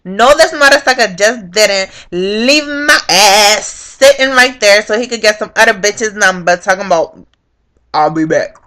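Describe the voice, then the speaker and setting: A woman's voice: medium pitch, moderate pace, hardly any pauses, bright, forceful tone. A young woman telling a story on her vlog in a casual, profane way, acting out what people said. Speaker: vlogger.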